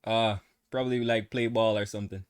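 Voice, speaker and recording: A man's voice: fairly low pitch, fairly even intonation, brisk, clear, resonant tone. A young man chats casually, guessing in a hesitant, questioning way. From Jamaica. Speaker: contestant guessing slang. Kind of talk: casual chat.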